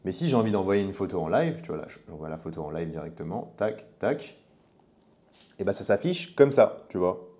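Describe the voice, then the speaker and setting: A man's voice: sits low, big pitch swings, normal speed, warm tone. A man giving a casual, chatty tutorial as a coach, speaking directly to the viewer. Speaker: online business coach.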